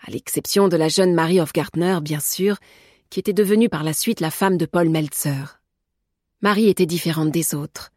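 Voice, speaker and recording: A woman with a somewhat low, husky voice reads a novel aloud in a measured, even way. The recording is dry and close with no room sound. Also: dry recording. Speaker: audiobook narrator. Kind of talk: scripted narration.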